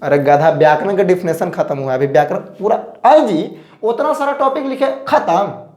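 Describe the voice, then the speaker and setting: A male teacher with a Bihari Hindi accent, giving a classroom lecture in a lively, joking, repetitive way. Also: sits high, normal speed, reverberant.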